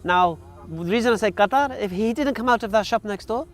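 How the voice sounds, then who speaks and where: In a casual interview, a guest in his forties who grew up in Wales talks openly and plainly about his life, um-ing and uh-ing often. His voice sits high and he speaks briskly.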